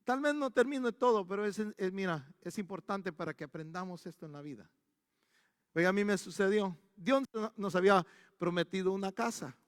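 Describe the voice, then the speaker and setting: A man's voice: sits high, moderate pace, no echo, clean studio sound, in a large hall. A male pastor preaching a storytelling sermon in a church. He talks animatedly and often restarts his sentences.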